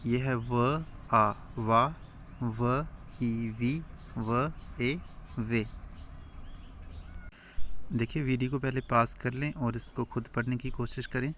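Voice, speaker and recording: A man's voice: medium pitch, fairly bright tone, a little hiss or hum. A man teaching Urdu script who sounds out each letter and syllable one at a time, then asks and answers his own questions. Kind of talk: slow spelling-out lesson.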